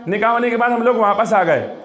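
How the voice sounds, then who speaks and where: High-voiced male preacher in echoey room. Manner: animated storytelling, acting out dialogue, calling for reflection. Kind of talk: storytelling sermon. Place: religious gathering with audience.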